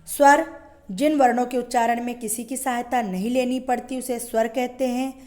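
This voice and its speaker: With a fairly high, mellow voice and fairly even intonation, a schoolteacher teaches Hindi grammar at a moderate pace. She works through questions she answers on her own and draws out the example sounds.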